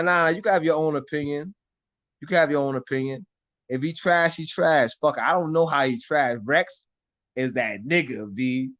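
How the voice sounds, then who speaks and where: A man with a New York accent mixed with Florida, talking in a fairly high voice. He chats loosely with his stream viewers in street slang and curses freely. The audio sounds dull and lo-fi. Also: fairly bright tone. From Harlem, New York. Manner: loose street slang, heavy cursing, repeats "you know what I mean". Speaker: live-stream host answering chat. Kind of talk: casual chat.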